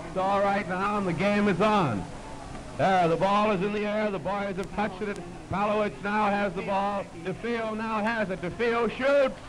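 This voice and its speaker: Man, high voice, steady basketball play-by-play, heard on a noisy early 1930s archive recording. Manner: plain, steady play-by-play calling. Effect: early 1930s archive recording played back. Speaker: basketball commentator. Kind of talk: live play-by-play commentary.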